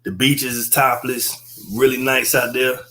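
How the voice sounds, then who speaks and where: A relaxed man in his thirties, chatting as a guest in an easy, slang-filled drawl. He sits indoors and talks into a webcam on a video call. His voice sits at an ordinary middle pitch. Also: measured pace. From Texas. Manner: laid-back and slangy. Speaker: guest comedian. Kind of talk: casual interview chat. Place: indoor room.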